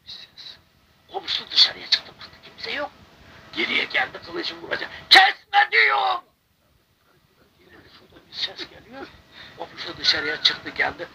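Impassioned older man preaching, high voice. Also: huge pitch swings, normal speed, vocal fry. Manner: impassioned, breaks into loud cries and chanted invocations. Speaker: Sufi sheikh. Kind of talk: religious storytelling talk. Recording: noisy recording.

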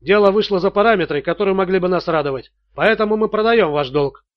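Man doing a cold low-voiced bank director. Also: quick pace, no echo, lightly acted. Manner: calm, formal, detached. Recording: dull, muffled audio.

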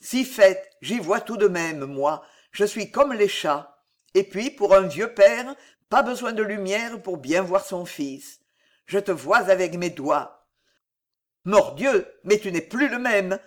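A reader voicing a gruff old soldier father. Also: medium pitch, animated, slow pace. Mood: jubilant. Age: older. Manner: gruff, exclamatory, full of oaths. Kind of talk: audiobook reading.

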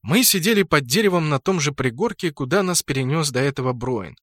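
Male audiobook narrator, slightly high voice, dry close-miked read, steady and lightly ironic. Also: a little fast, no echo. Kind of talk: first-person audiobook narration.

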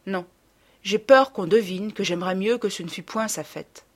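A woman narrating a classic novel in the first person, with wry, expressive storytelling. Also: mid-range voice, moderate pace, husky. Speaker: audiobook narrator. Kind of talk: scripted literary narration.

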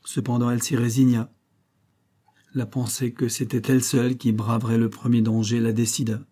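A man narrating a classic novel as an audiobook in a measured, dramatic reading. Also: mid-range voice, level tone, mellow.

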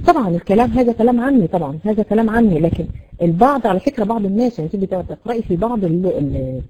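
A woman's voice: a little high, mellow. A woman with an Egyptian Arabic accent teaching a Quran recitation lesson, explaining with many fillers and repeated questions to her students. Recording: dull lo-fi recording with noise.

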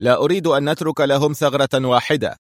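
A man's voice: mid-range voice, steady tone, quick pace, dry recording, pitched above the performer's own voice, natural voice. A ruthless squad commander, played by a male narrator in a plain middle register. He gives orders harshly and sneers at his allies, recorded dry and close. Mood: harsh commanding.

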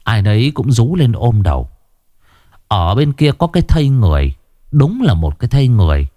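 A man narrating a ghost story in the first person, dramatic and expressive, dwelling on grim details. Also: mid-range voice, moderate pace, dry recording, studio quality.

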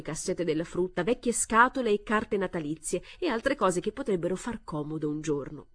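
A woman reading a short story aloud as narrator, in a measured and expressive way. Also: lowish voice, no echo. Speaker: reader.

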